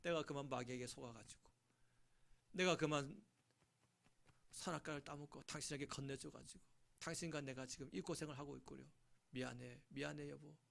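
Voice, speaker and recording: A preacher voicing soft, sorry Eve. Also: male voice, on the high side, steady tone, brisk, vocal fry, long pauses, slight background noise. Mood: apologetic. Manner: soft, apologetic. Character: regretful wife Eve, softly apologizing to her husband.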